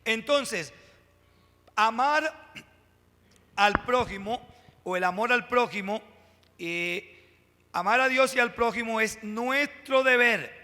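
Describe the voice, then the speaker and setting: A high, bright male voice, preaching to his congregation. He pushes key words with rising emphasis and drops into pauses and direct asides. The sound rings with a long church reverb. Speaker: pastor. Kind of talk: sermon. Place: church sanctuary.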